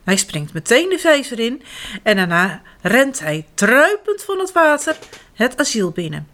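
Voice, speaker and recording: A woman reading a children's story aloud, expressive and animated. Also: fairly high pitch, unhurried. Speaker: narrator.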